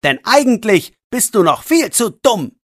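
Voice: mid-range voice, big pitch swings, measured pace, fairly bright tone, dry recording, studio quality, voice pushed up. A narrator voicing an irritated teenage boy who scolds and mocks his friend in a learner's audiobook. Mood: sarcastic. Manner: scolding, sarcastic. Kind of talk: audiobook role voice.

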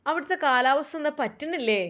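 A woman's voice: high-pitched, quick pace, a bit bright. A woman voicing a curious, chatty middle-aged house helper in a storybook tale.

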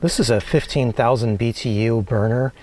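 Calm man talking through a recipe. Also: medium pitch, slight background noise. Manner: calm, unhurried, many filler "uh"s. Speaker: vlogger cooking in his van. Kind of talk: casual cooking demonstration. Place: small camper van kitchen, indoors.

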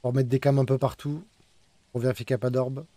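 A man streams a ghost-hunting game live, calling out urgent, repetitive directions to his teammates. His medium-pitched voice is warm and fairly flat in intonation, and he talks fast.

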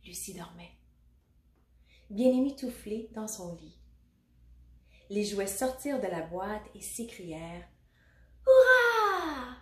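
A woman reading a children's picture book aloud, expressive and adding little asides for children. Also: medium pitch, slow pace, pauses often. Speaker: storybook reader. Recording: roomy echo.

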